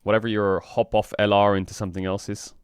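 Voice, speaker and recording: A man streaming in casual chat, frank and rambling, swearing often, with a flat delivery because he just woke up. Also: quick pace, smooth, no echo, clean studio sound. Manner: flat, low-energy delivery. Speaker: streamer and esports team owner.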